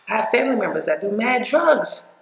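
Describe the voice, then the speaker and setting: A woman's voice: a little high, big pitch swings, normal speed, echoey room, poor audio. A woman vlogger talking bluntly and profanely in a rambling, casual opinion rant.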